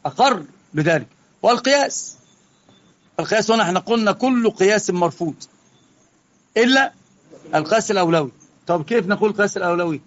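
A man with an Egyptian Arabic accent giving a religious lesson, moving between calm explanation and heated rebuke. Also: high-pitched, highs cut off. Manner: impassioned, swings from quiet explaining to heated rebuke. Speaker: religious teacher.

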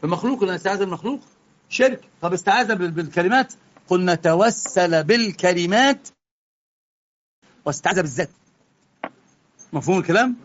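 A man with an Egyptian Arabic accent giving a religious lesson, moving between calm explanation and heated rebuke. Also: high voice, fast talker, pauses often, dull audio. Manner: impassioned, swings from quiet explaining to heated rebuke. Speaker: religious teacher.

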